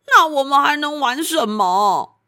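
A woman's voice: sits high, lively intonation, measured pace, pushed and bright, no echo, studio quality, pitched above the performer's own voice, exaggerated voice. A woman voicing a grumpy little boy who is easily upset, complaining in a whiny, sulky way while reading a storybook.

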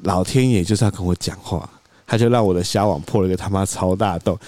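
A man, co-hosting a podcast, telling a story in an animated way and acting out quoted lines. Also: deep voice, quick pace, no room sound. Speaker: podcast co-host. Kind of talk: casual storytelling chat.

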